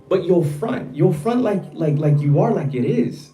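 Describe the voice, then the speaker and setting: A man's voice: very animated, measured pace, mellow, soft background music, low-quality recording. Profane ranting man. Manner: heated, profane, repeats himself and mocks others in a low voice. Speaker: podcast host.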